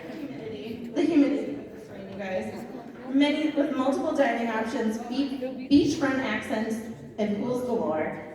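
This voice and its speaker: A woman acting as a volunteer auctioneer at a live fundraiser, playfully joking and chanting bids in quick repeats. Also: fairly high pitch, darkish tone. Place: large event hall at a fundraiser. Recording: echoey hall, voice from far off.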